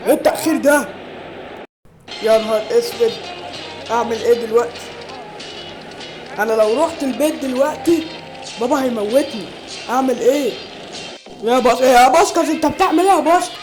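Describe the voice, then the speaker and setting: A woman's voice: sits high, a little fast, pauses often, lightly acted, poor audio. A woman voicing a fretful schoolboy who skipped school, repeating himself in panic, with music behind. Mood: panicked.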